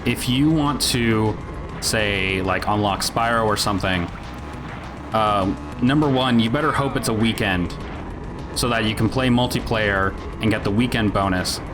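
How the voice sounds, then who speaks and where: Grumpy, low-voiced man ranting about games. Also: unhurried. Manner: grumpy old man grumbling, self-described crotchety; rambling, sweary, sardonic. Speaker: video game reviewer. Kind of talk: casual, profane gaming rant. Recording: music behind the voice. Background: music.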